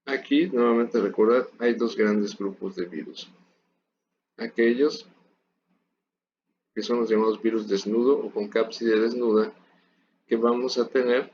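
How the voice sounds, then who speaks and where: In a recorded university lecture, a man explains steadily and addresses his students directly. His voice is lowish and darkish, captured in dull lo-fi audio with faint noise.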